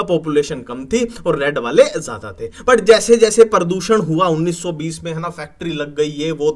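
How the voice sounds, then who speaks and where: A man's voice: fairly high pitch, a bit bright. A young man teaching an exam-prep lecture, explaining step by step with frequent checking questions. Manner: explains with lots of tag questions and emphatic rises.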